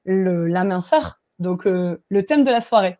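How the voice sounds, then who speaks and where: A woman's voice: fairly low pitch, expressive, unhurried, lo-fi sound. A woman hosting an online webinar, upbeat and a little hesitant, with many fillers. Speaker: webinar host.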